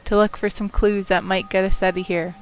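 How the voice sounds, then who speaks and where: A man's voice: sits high, little pitch movement, fairly quick, faint music behind, close to an everyday voice. Woman reading a worried teenage schoolboy. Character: anxious teenage schoolboy searching for a friend.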